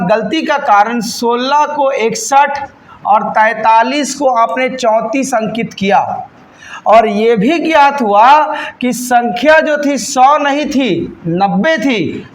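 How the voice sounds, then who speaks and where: High-voiced teacher. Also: male voice, fairly bright tone. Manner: quizzes students with constant questions, scolds and teases them; slows to spell out each step. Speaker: teacher for government exam coaching. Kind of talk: classroom math lesson. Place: classroom with students.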